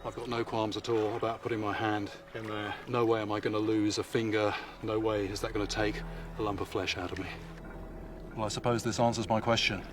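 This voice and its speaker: A man's voice: on the low side, flat delivery, fairly quick. A man presenting a wildlife show outdoors at a river, explaining and musing aloud, repeating phrases for emphasis. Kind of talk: unscripted on-location presenting to camera. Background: music.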